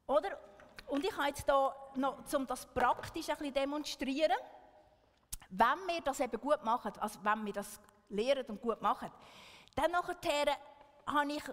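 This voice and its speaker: A woman's voice: high-pitched, long reverb tail. A woman giving an earnest talk to an audience, often checking in with a questioning "right?". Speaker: speaker.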